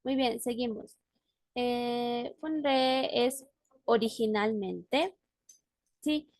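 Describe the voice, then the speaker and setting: A woman's voice: on the high side, very slow, no echo. A woman teaching a language class on a video call, explaining words patiently and often checking in with her student. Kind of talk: online class.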